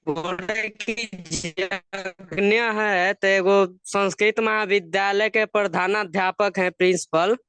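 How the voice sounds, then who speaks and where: High-voiced man asking his teacher. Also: fairly even intonation, slow, few pauses, a bit bright, clean tone. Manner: respectful, asks questions of his teacher. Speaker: student. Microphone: video call with a breaking-up connection.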